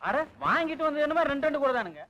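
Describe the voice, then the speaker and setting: An actor playing a polite, chatty village servant in a film comedy. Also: male voice, very high-pitched, sing-song, racing, bright, forceful tone, dull audio, full character voice. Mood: deferential. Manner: polite, pleading. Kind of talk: 1980s film comedy acting.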